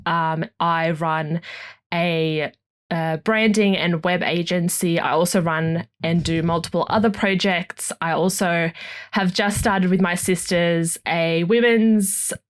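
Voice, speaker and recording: A woman's voice: fairly low pitch, fairly even intonation, slow pace. Chatty Australian woman in her twenties. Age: 20s. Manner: chatty and rambling, laughs often. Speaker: podcast guest. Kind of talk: casual interview chat. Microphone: video call.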